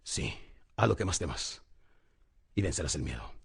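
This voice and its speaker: A man, a public speaking coach who gives a motivational lesson and swings between a loud voice and a soft one. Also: extremely low pitch, very animated, moderate pace, gravelly, slightly rough. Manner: dramatic swings between loud and soft, addresses listener as champion.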